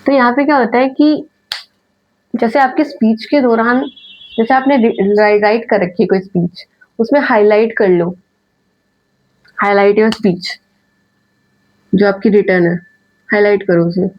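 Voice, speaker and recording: A woman with a somewhat high voice teaches speaking skills in a quick, chatty way. She keeps mixing English phrases into her explanations and pushes hard on the key words. The recording sounds a little dull and lo-fi. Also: steady tone. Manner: naturally fast talker. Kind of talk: casual Hindi-English teaching talk.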